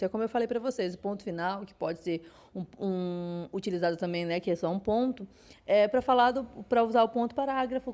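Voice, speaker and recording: In an online class lecture, a woman teaches in a medium-pitched, darkish voice marked by a Brazilian Portuguese accent. She explains things patiently, often using fillers and starting over.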